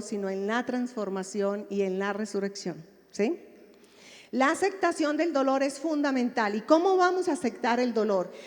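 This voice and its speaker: A woman's voice: mid-range voice, a little mellow, in a large hall. A woman psychologist giving a public lecture on grief, speaking expressively and checking in with her audience through rhetorical questions.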